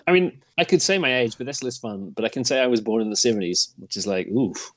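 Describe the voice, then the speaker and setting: A man's voice: mid-range voice, quick pace, no echo. Jokey New man, dry sound. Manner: jokey, animated storyteller. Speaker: podcast guest. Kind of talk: casual podcast chat.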